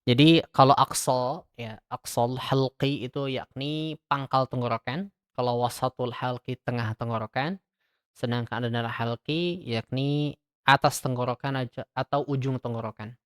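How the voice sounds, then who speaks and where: A man's voice: medium pitch, fairly even intonation, normal speed, clear, resonant tone, no room sound, studio quality. A man teaching a tajwid pronunciation lesson, explaining step by step as he addresses his listeners as friends, then sounding out throat letters aloud in drills. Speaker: Quran recitation teacher.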